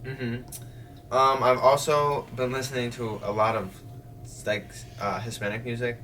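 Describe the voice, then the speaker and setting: A man's voice: medium pitch, a little slow. A young man co-hosting a casual podcast chat, telling stories animatedly with many fillers. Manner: animated storyteller, lots of "like". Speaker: podcast co-host. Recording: distant mic, faint room noise.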